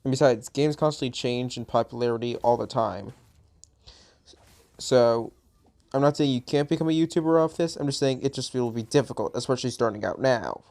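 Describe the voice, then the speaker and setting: A man's voice: medium pitch, fairly quick, darkish tone. A man chatting through his own mobile game playthrough, sounding a little tired, rambling and correcting himself as he goes. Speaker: gaming channel host. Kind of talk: casual gameplay commentary.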